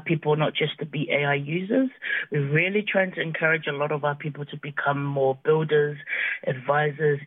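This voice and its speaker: A man's voice: fairly high pitch, no echo. A man, a tech co-founder, talking as a guest in a radio interview in an upbeat way, laughing often and speaking proudly of where he grew up. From New Zealand. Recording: narrow phone-like radio sound, dry.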